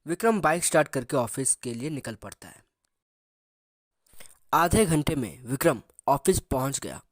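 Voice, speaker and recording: A man's voice: medium pitch, big pitch swings, moderate pace, dry recording, clean studio sound. Casual Hindi storyteller man. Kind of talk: Hindi horror story narration.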